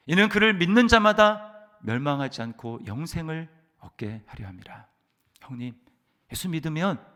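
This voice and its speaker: A man preaching a sermon as pastor, swinging between loud exhortation and hushed storytelling. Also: fairly high pitch. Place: church sanctuary. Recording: long church hall reverb.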